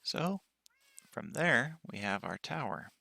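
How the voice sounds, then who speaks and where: A man giving a relaxed tour of his game world with a just-woken-up morning voice, pausing often and speaking softly. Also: medium pitch, vocal fry. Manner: relaxed walkthrough with frequent pauses and fillers. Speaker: game player.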